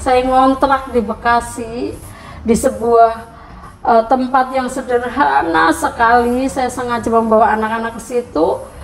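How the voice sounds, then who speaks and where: Poor audio carries the high voice of a middle-aged woman from Central Java, Indonesia, giving an emotional testimony of her conversion. When she recalls her prayers, she turns tearful and pleading.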